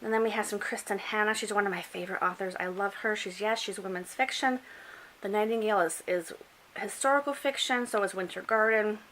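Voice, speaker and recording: A woman's voice: medium pitch, brisk, a bit bright, slight background noise, rough recording. A middle-aged woman from upstate New York chatting casually as she films a tour of her home library, with lots of fillers and self-corrections. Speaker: booktuber giving a bookshelf tour. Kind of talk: casual chatty vlog narration. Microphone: handheld camera while filming shelves.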